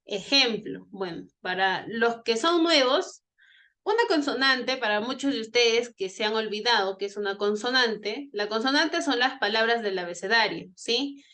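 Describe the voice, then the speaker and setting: A woman's voice: fairly high pitch, expressive, normal speed, pushed and bright. A woman teaching an online English grammar class, explaining patiently, repeating herself and checking in with her students. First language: Spanish.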